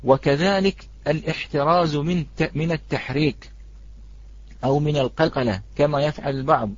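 Guy teaching quran recitation online, kinda high voice, repeats stuff patiently, dry dull audio. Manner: patient, repeats points, recites examples slowly. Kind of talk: online tajweed lesson.

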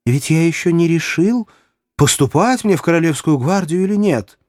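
A man's voice: fairly high pitch, expressive, moderate pace, a little mellow, no room sound, studio quality, voice pushed up, close to an everyday voice. A man voicing a hesitant, polite young man in an audiobook. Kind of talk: audiobook character reading.

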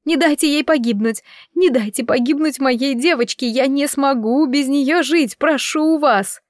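Woman doing a high pleading sobbing mom, dry close mic. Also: animated, normal speed, dry recording. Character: frantic grieving mother, tearful.

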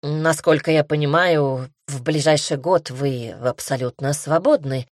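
A woman's voice: deep voice, unhurried, no room sound, studio quality, pitched below the performer's own voice. A woman voicing a haughty aristocratic lord and single father who talks in an arrogant, curt and stiffly formal way.

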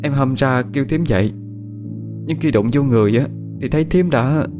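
A man voicing a gentle, tearful young village woman in a soft, pleading, raised voice. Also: medium pitch, fairly even intonation, rapid-fire, over music, voice pushed up, lightly acted.

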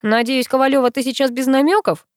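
A woman's voice: high-pitched, steady tone, quick pace, no room sound, studio quality, pitched above the performer's own voice, close to an everyday voice. A woman voicing a teasing young man, the narrator's best friend, with playful mocking banter.

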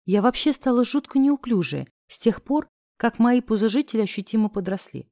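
A woman narrating a novel in the first person, expressive and acting out the other characters' lines. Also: fairly high pitch, brisk, no echo, studio quality. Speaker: audiobook narrator.

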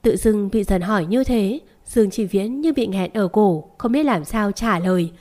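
A woman's voice: mid-range voice, moderate pace, a little mellow. A woman narrating a serialized story, reading quoted lines with only a light change of voice.

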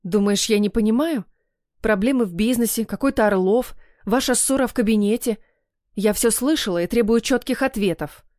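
A stubborn young bride-to-be , as a woman reader plays her, pleads and reproaches in a pressing voice at a middle pitch. The audiobook recording is dry and close. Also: moderate pace, a little mellow, no room sound, lightly acted. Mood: pleading. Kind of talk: audiobook romance reading.

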